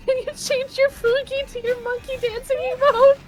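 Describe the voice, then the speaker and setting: A woman's voice: very high-pitched, little pitch movement, moderate pace. A woman co-streaming a game, teasing her partner and laughing often. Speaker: streamer co-host. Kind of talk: casual live-stream chat. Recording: game music behind the voice. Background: game music.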